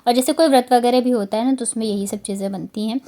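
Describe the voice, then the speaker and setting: A woman in her thirties from Bihar, India, narrates the voice-over for her home vlog in a chatty, rambling style full of fillers. She speaks fast, a little high, with a warm tone.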